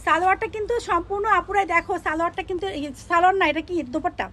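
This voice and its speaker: A young woman selling clothes on a live stream, pitching each dress with pushy repetition and English words mixed in. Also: steady tone, racing, bright, forceful tone. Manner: repeats phrases, pushy upbeat selling, mixes English words. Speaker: online clothing seller.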